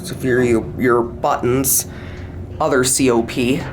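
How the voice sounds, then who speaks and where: A man's voice: mid-range voice, slow pace, background noise. A man filming hotel elevators with a handheld camera, casually narrating and pointing things out as he rides. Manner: relaxed, pointing things out as he goes. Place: hotel elevators and hallway, indoors.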